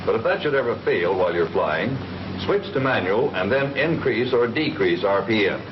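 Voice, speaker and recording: On the low side, animated and lightly acted, this man's voice keeps a moderate pace. He plays a self-assured American Army captain and flight instructor teaching pilots, plain-spoken and methodical in a matter-of-fact mood, like a 1940s training film, and the audio is a noisy, dull soundtrack of that era.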